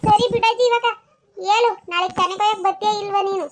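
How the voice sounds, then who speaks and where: A woman voicing a busy village farm woman in a cartoon, speaking briskly. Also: very high voice, steady tone, slight background noise. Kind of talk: cartoon voice acting.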